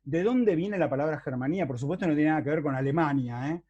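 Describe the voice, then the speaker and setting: A man's voice: a little high, a little mellow, slightly rough, dull audio. A man with a Rioplatense Spanish accent giving a university lecture, explaining patiently and checking often that his listeners follow. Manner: explanatory, checks understanding with frequent rhetorical tags; unhurried, with hesitant fillers and restarts.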